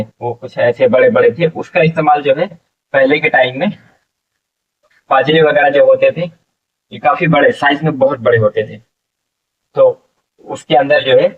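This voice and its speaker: A man teaching an English vocabulary lesson, explaining slowly and repeating each word, asking questions and answering them himself. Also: medium pitch, recorded from a distance, narrow, tinny audio.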